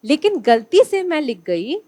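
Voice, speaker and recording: A woman's voice: high voice, big pitch swings, unhurried, a little mellow, no room sound. A woman from India teaching an online exam-prep class, asking her students questions and answering them herself.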